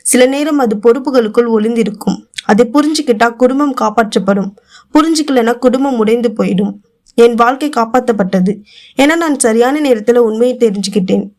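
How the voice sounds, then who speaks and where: A woman tells a story in the first person, as if making a quiet confession. Her voice sits a little higher than most, and she keeps a soft, even way of telling it. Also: brisk.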